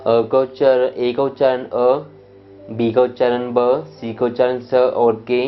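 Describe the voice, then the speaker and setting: Male tutor, mid-range voice, unhurried lesson delivery, faint music underneath. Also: mid-range voice, little pitch movement. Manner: deliberate, repeats letters and sounds one by one. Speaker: spoken English teacher. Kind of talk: slow explanatory lesson. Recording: dull lo-fi sound with faint music.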